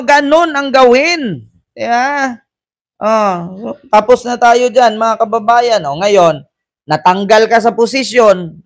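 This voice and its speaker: A chatty male host talks through a casual live commentary, throwing out rhetorical questions and reading out viewer comments. His voice is very high for a man, and the recording is close and dry. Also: no echo.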